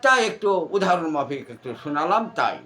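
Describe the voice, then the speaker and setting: A man's voice: on the high side, big pitch swings, brisk, bright, forceful tone, a little hiss or hum. A man in his sixties with a Bangladeshi accent, answering informally in an interview with wordy, repetitive explanations. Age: 60s. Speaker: interview guest recalling village folk theatre.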